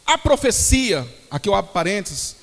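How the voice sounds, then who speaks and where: A young Brazilian man preaching a sermon to his congregation, telling lively stories and calling them brothers. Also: high-pitched, normal speed, creaky, long reverb tail. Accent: Brazilian Portuguese. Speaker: pastor.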